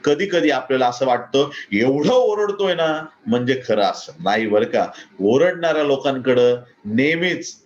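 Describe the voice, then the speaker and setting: A man preaching a sermon with a Marathi accent, rising in pitch to declaim his points. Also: lively intonation, a little slow. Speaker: pastor. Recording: slightly dull lo-fi recording.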